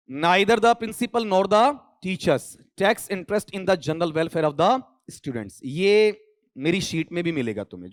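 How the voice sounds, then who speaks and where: A man's voice: a little high, dry recording, studio quality. A man teaching English grammar for exams, speaking mixed with English terms and quizzing students with questions. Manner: mixes Hindi with English terms. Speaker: English teacher for exam prep. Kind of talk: online exam coaching lecture.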